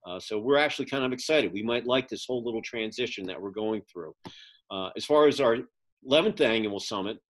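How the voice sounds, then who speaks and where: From his home office, a middle-aged magazine publisher and event producer talks over a video call webcam with a fairly low voice at a fairly quick pace. His casual update rambles and is packed with fillers.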